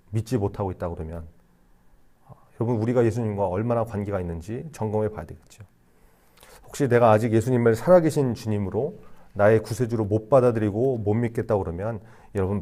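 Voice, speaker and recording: A man's voice: mid-range voice, warm tone. A man preaching a sermon to a youth group in a conversational style, asking rhetorical questions and acting out short voices. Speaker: youth pastor. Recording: re-recorded sermon broadcast.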